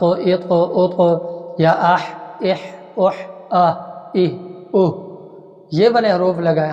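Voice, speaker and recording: A man's voice: high voice, a little mellow. A man teaching Quran reading step by step, sounding out each letter several times and then explaining patiently. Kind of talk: step-by-step recitation lesson. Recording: dull echoey room recording.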